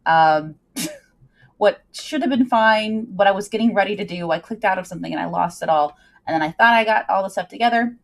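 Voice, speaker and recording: A woman hosts a casual livestream in a mid-range, gravelly voice, talking a little fast. She's bubbly and playful, using folksy greetings and turns of phrase and muttering in a sing-song way.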